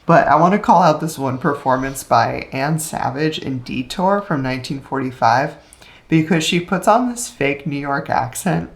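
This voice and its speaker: A woman co-hosts a podcast, chatting casually about old films and laughing easily. Her middle-pitched voice often drops into a gravelly fry. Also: animated, normal speed. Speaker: podcast co-host. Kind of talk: casual film discussion.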